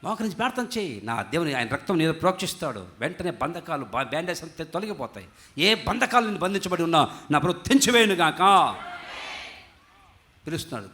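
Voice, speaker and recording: A middle-aged man preaches with a high, ringing voice that gives his words a sharp edge. His delivery surges to loud, emphatic peaks, and he slips into acted asides and slow, stretched-out English phrases. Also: sing-song. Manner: mixes in English phrases, drawn out slowly. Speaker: pastor. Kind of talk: sermon.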